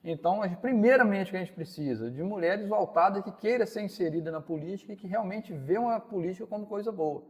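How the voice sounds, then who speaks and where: A man's voice: high-pitched, lively intonation, fast, few pauses, big-room sound. Casual Brazilian man in his forties. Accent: Brazilian Portuguese. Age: 40s. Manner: casual, says "cara" often. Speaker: city councilman, interview guest. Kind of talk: casual interview.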